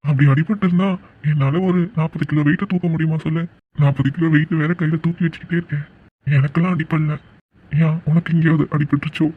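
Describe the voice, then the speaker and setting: A man's voice: a little high, steady tone, quick pace, breathy edge, narrow, tinny audio. A man voicing a joking young man who teases his sweetheart with mock-polite sarcasm in a cartoon love story. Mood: teasing. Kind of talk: cartoon voice acting.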